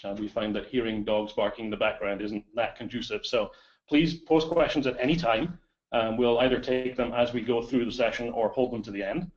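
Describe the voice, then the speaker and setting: A man with a hoarse, whispery voice from a cold, hosting a business webinar and hesitating with many fillers. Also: mid-range voice, fairly even intonation, a little fast. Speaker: webinar host, marketing director. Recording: dull lo-fi webinar audio.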